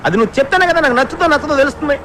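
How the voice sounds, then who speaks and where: An actor playing an exasperated young aspiring film director who keeps pressing with questions in a comedy film scene. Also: male voice, high voice, very animated, very fast, background noise. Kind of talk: comic film dialogue. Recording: film score under dialogue.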